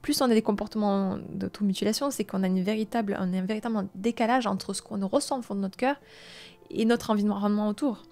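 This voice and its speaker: A woman in her late twenties hosting a live-streamed self-help talk, speaking softly and gently, sometimes dropping to a near-whisper, with many reflective hesitations. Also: mid-range voice, steady tone, fast talker, faint music behind. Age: late 20s. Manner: soft and gentle, drops into a near-whisper at times.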